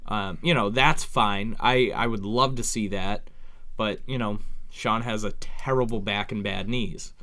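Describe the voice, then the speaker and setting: A man's voice: on the low side, fairly even intonation, measured pace, pushed and bright. A man in his thirties, co-hosting a casual podcast chat, swearing freely and joking around. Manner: profane, joking, riffing. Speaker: podcast co-host.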